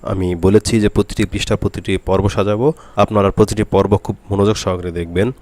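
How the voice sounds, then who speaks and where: A man teaching a Quran reading lesson, speaking slowly and repeating each letter drill aloud. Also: fairly low pitch, flat delivery, mellow, dry recording. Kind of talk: spoken lesson to camera.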